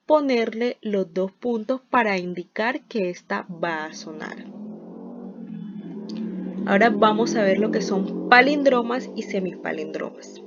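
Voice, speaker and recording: A woman teacher giving a scripted spelling lesson, explaining step by step with examples and often starting with "entonces". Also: mid-range voice. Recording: dull lo-fi recording.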